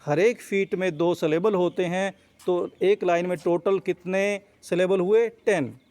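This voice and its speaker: A man's voice: sits high, steady tone, darkish tone, dry recording. A male teacher giving an explanatory lecture on poetry, repeating and rephrasing each point with fillers. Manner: reads English lines slowly, then explains in Hindi.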